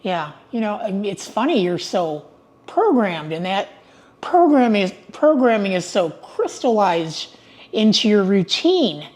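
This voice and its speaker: A woman's voice: mid-range voice, sing-song, measured pace, a little mellow. Chatty older woman vlogging from home. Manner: chatty and upbeat, digresses often. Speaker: retiree vlogger. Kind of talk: casual vlog monologue. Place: her home.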